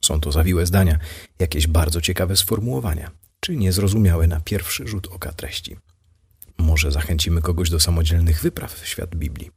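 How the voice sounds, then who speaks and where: A man hosting a devotional Bible program who reads scripture and introduces his reflection in a measured, solemn way. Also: low-pitched, darkish tone, breathy edge. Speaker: radio host and Bible reader.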